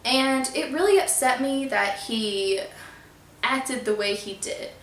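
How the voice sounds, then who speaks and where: A woman's voice: a little high, slow, fairly bright tone, a little hiss or hum. Young woman telling a storytime vlog. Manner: earnest, upset, trying to stay polite. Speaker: vlogger. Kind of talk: storytime vlog, reading out emails. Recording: echoey room.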